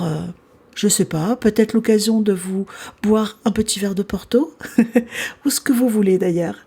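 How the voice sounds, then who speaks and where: Husky-voiced woman hosting a podcast. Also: mid-range voice, mellow. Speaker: podcast host and cultural mediator. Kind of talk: scripted podcast intro and interview. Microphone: video call.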